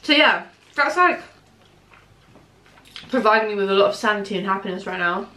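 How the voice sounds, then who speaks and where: Bright-voiced young British woman, chatty and echoey. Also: mid-range voice, expressive, moderate pace. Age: 20s. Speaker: vlogger chatting while eating. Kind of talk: casual chatty mukbang vlog. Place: small room at home, indoors. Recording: echoey room.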